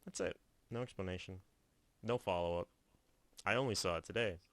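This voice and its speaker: A man co-hosting a relaxed podcast, his voice sitting on the low side. He trades deadpan jokes and teasing remarks in a casual, chatty way, recorded close and dry with no room sound. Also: fairly quick, no echo. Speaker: podcast co-host.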